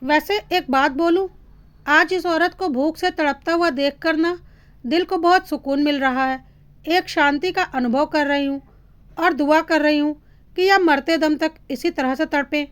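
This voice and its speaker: A woman plays a bitter young daughter-in-law with a high voice. She stays calm and quietly cutting. Her sarcasm is measured. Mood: cold, mocking.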